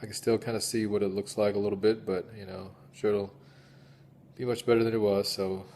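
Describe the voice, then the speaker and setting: A man with a stuffy, congested nose giving a halting, low-key recovery update in a casual vlog style. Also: flat delivery, darkish tone, slight background noise. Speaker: patient recording recovery diary.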